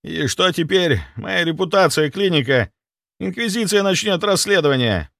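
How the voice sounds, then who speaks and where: A man's voice: animated, normal speed, creaky, fairly bright tone, no echo, clean studio sound, heavily acted. A man voicing a panicky middle-aged male clinic director who talks in an anxious, pleading rush. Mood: panicked. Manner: anxious, pleading, high-strung.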